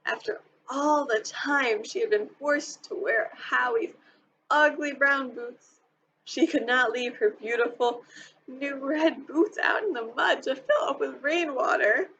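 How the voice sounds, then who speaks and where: A woman teacher reading a children's novel aloud, expressive and clear. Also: high voice, takes it slowly, muffled recording, slight background noise. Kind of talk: storybook read-aloud.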